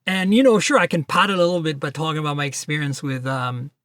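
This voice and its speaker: A podcast host speaks quickly in a fairly bright, high-leaning voice with no echo. He keeps his casual tech podcast chat chatty and upbeat as he runs through plugs.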